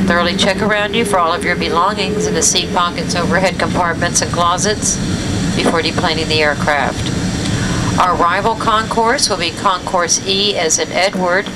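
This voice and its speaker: A woman flight attendant making a formal, courteous scripted airline cabin announcement. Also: on the low side. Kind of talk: airline cabin announcement after landing, like an airport announcement. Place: inside an aircraft cabin. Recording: loud aircraft cabin noise.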